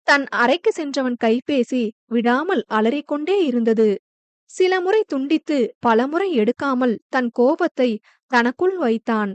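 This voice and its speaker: A woman's voice: high-pitched, dry recording. A woman narrating a romance novel audiobook, acting out each character's heated lines. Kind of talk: dramatic novel reading with dialogue.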